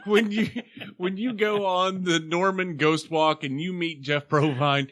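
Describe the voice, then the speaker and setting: A man's voice: high voice, fairly even intonation, a little slow, a bit bright. A man co-hosting a podcast, chatting in an upbeat way. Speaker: podcast co-host. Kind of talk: casual chat.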